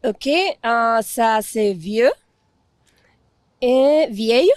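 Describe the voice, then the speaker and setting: A woman from Mexico with a Mexican Spanish accent, speaking halting, broken French as a learner trying out pronunciation. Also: a little high, lively intonation, soft background music. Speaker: guest learner, member of a language-teaching team. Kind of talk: casual on-camera pronunciation exercise.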